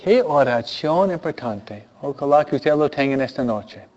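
A man preaching a sermon, animated and repeating phrases for emphasis. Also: mid-range voice, normal speed, dull audio.

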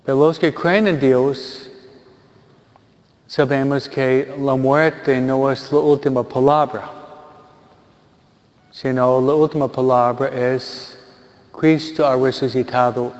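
A man, a priest, giving a funeral homily and retelling a story simply, with pauses. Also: medium pitch, steady tone, a little mellow. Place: church. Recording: lo-fi recording in a reverberant church.

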